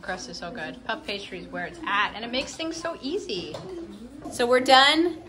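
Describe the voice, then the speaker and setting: Una mujer que presenta un vlog de cocina, comentando la comida en tono animado y conversador en una cocina llena de invitados. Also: female voice, on the high side, big pitch swings, moderate pace, pushed and bright, roomy sound. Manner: upbeat, chatty food commentary. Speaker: cooking vlog host. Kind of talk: casual chat. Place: home kitchen with family and guests. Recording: busy room with crowd chatter. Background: chatter of several people.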